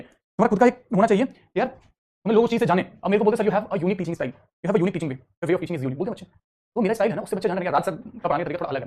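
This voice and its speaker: A man's voice: high voice, a little mellow. A man teaching an online class, talking conversationally and mixing Hindi with English, addressing students like a big brother.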